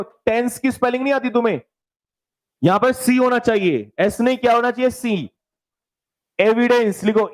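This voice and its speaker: A man with an Indian English accent runs a live online spelling lesson, spelling out each word one letter at a time. His voice sits high for a man and his delivery is slow and drawn out. He keeps pressing students to hurry, calling them "beta". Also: low-quality recording. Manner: brisk, urging students to answer fast, spells words letter by letter; calls students "beta" and "bhai", reads out their comments. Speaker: English grammar teacher.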